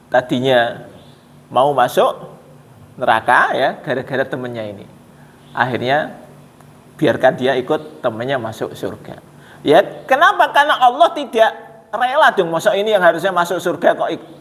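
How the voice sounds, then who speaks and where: A man's voice: on the high side, a bit bright. A man with a Javanese accent giving a storytelling sermon at a mosque, talking in a folksy, conversational way and addressing his listeners directly. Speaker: preacher. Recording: echoey mosque hall.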